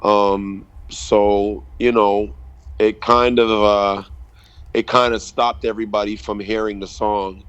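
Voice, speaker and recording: A man from the Bahamas, a reggae artist in his thirties, giving a casual radio interview in a measured, hesitant way with many ums. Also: fairly low pitch, level tone, a bit bright, smooth, muffled recording. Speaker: guest reggae artist and producer.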